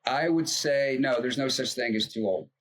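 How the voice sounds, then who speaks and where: An American man, a financial advisor co-hosting a casual podcast, rambles earnestly and at length about money, full of restarts and fillers. His voice is medium-pitched and a bit bright at a moderate pace, in a rough recording with slight background noise.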